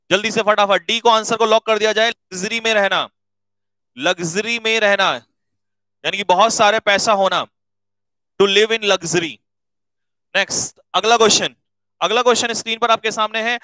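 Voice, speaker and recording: Man, vocabulary teacher, brisk, repetitive, dry close sound. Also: sits high, fairly even intonation, sharp tone, no room sound, poor audio. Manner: brisk, coaxing, repeats words for note-taking. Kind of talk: exam-prep video lesson.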